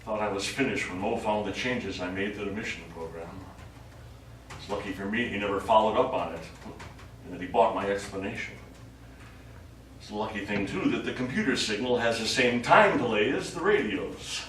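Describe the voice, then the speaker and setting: A stage actor in a one-act play performs a live monologue as a wry, wistful astronaut who is secretly an alien with a scheme, his mood musing and quietly satisfied. His fairly low, slightly bright voice moves at normal speed and sounds close to everyday speech. The small indoor studio theatre is echoey, with a distant mic and faint noise.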